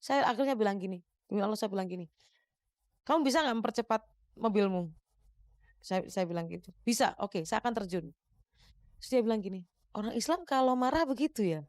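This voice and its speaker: A woman's voice: mid-range voice, brisk, pauses often, dry recording. Dry-sounding woman telling her story. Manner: animated, acts out quoted dialogue. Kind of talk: emotional personal storytelling.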